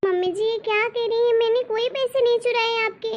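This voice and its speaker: A woman's voice: very high voice, fairly even intonation, fairly quick, highs cut off. A woman voicing a polite, meek young daughter-in-law in a cartoon story. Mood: pleading. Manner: polite and pleading. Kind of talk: cartoon voice acting.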